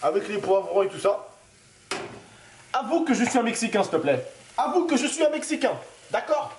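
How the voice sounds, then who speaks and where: High-voiced man chatting in an echoey kitchen. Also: sing-song, moderate pace, a little mellow. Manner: chatty, joking, addresses viewers directly. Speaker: cooking video host. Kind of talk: casual cooking demonstration. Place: home kitchen. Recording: roomy kitchen with frying noise. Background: sizzling pan.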